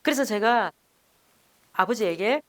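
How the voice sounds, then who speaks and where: Nun lady telling a bible class story, lively, asks the room stuff, does all the voices. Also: medium pitch, measured pace. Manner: animated, acts out the people in her story; asks the audience questions.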